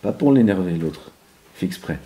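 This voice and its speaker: Animated man giving a Torah class. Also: low voice, moderate pace. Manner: animated, mixes Hebrew terms, acts out quoted voices. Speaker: rabbi teaching a class. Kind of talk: lively Torah lesson.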